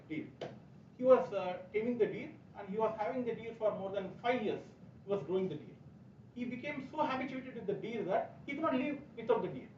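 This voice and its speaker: A man's voice: very high-pitched, darkish tone, a little hiss or hum. A man, a guest speaker telling a story and checking in with the audience often. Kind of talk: storytelling talk. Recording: distant echoey dull hall mic.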